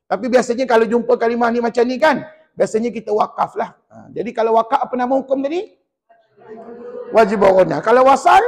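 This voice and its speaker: A man with a Malaysian Malay accent teaching Quran recitation in a mosque class, drilling and correcting students in a lively, teasing way. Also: very high-pitched, creaky, big-room sound.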